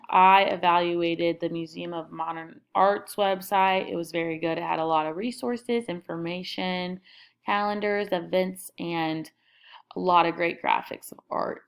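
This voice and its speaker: A woman's voice: lowish voice, normal speed, vocal fry, clean tone. A young woman narrating a screen recording walkthrough of her class website, casually and upbeat, listing item after item. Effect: screen recording voice-over.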